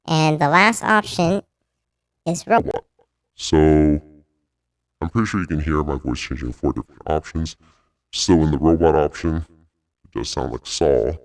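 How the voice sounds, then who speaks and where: A man's voice: a bass voice, big pitch swings, normal speed, long pauses, dry recording, clean studio sound, voice pushed down, full character voice. A man through a morphing voice changer. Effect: voice changer morphing his voice to female, male, baby and robot presets. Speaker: product reviewer. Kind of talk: demonstrating gear.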